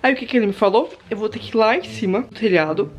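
A young man with a Brazilian accent, vlogging in an excitable, dramatic way, talking straight to his viewers into a handheld camera. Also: high-pitched, fast talker. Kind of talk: casual vlog talk to viewers.

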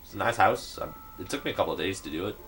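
A man's voice: low voice, expressive, racing, creaky, fairly bright tone, faint music behind. A young man casually narrating his game building, rambling with lots of fillers and hesitations. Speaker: gameplay video maker.

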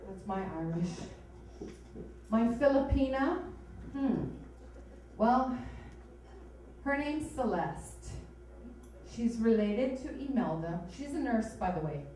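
A woman stand-up comic from Hawaii, delivering sardonic and bawdy material at an unhurried pace. Her voice is mellow and a bit high. The sound comes from a distance in a very echoey club. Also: lively intonation, slight background noise. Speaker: stand-up comedian. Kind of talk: stand-up comedy set. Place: comedy club stage.

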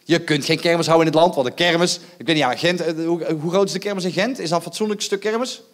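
Male stand-up comic, high-pitched voice, loud and mocking, teasing the crowd from a theatre stage. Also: fast talker. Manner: loud, mocking, goading the audience with rhetorical asides. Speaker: stand-up comedian. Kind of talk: live stand-up performance.

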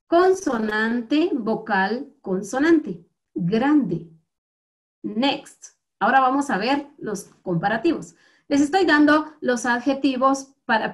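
A woman teaching English grammar to schoolchildren in Guatemalan Spanish, slow and patient, repeating words for the class to copy. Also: high-pitched.

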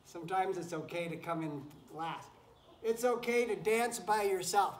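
Reading to children like a teacher, this man has a voice that sits high and a moderate pace, and he offers encouragement while breaking off to address the animals around him. He's in a wooden barn pen with straw, with goats and chickens nearby. The recording is roomy and noisy, from a camera mic a few feet away.

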